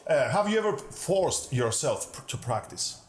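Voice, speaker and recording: Male host, mid-pitched, informal, echoey room. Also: sing-song, normal speed. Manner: informal, exclaiming, laughs along. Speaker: interview host. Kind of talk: casual interview questions.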